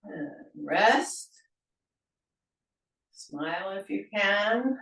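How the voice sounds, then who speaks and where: A woman teaching a senior yoga class, giving slow, gentle cues and leading playful laughter exercises. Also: mid-range voice, expressive, gravelly. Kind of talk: guided exercise class instruction. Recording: echoey room, mic at a distance.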